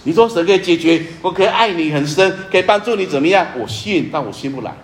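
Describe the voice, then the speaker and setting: A man preaching a sermon as pastor, earnest and emphatic, repeating key phrases and often dropping to a soft, low voice. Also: lively intonation, quick pace, echoey room, slight background noise.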